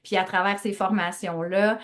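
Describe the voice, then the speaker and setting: A woman's voice: medium pitch, steady tone, moderate pace. A woman in her forties from Lac-Saint-Jean with a Quebec French accent, a coach telling her story casually in an interview with many hesitations. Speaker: guest coach and speaker.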